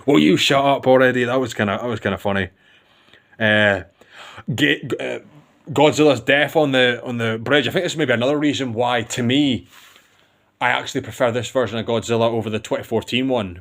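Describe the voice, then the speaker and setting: A man giving a casual, rambling film review with enthusiasm, often restarting his sentences. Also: medium pitch.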